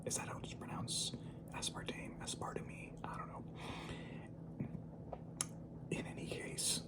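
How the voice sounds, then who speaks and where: A person whispering in a breathy, unvoiced voice, chatting casually and informally as the host of an ASMR eating video. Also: a little slow, poor audio.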